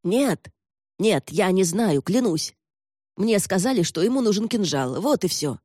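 A woman's voice: on the low side, animated, fairly quick, dark tone, dry recording, studio quality, natural voice. A woman voicing a captured young male thief who begs and bargains in a whiny voice. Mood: pleading. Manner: whiny, begging.

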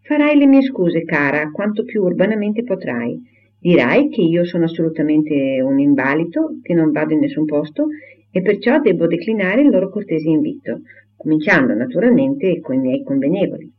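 A man voicing a fussy, anxious elderly gentleman who calls himself an invalid and frets over every detail. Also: on the high side, lively intonation, moderate pace. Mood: fretful. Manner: fretful, worrying. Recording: tinny phone-like audio.

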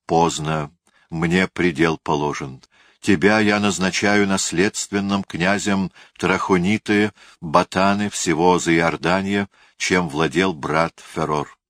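A man's voice: deep voice, steady tone, slow, fairly bright tone, no room sound, clean studio sound. A man voicing a dying old tyrant king who rages and issues commands in delirium. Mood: weak commanding. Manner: raving, commanding outbursts.

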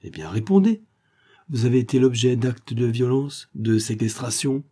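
A man's voice: medium pitch, animated, moderate pace, husky. Man doing a blustering angry police chief. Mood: exasperated. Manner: blustering, angry, shouting questions. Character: exasperated middle-aged male police chief. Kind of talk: audiobook character voice.

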